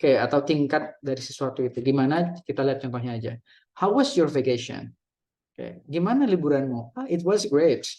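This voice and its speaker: Man, mid-pitched voice, relaxed English teacher, patient explanations, reads example questions aloud. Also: brisk. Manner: explains patiently, mixing in English example sentences and translating each one. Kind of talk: casual classroom explanation.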